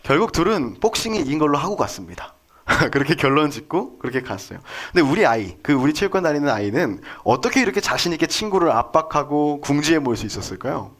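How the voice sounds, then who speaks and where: Male preacher in his 30s, animated pitch, chatty and joking with the congregation. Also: quick pace. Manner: conversational, jokey, asks the congregation questions. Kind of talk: sermon with storytelling.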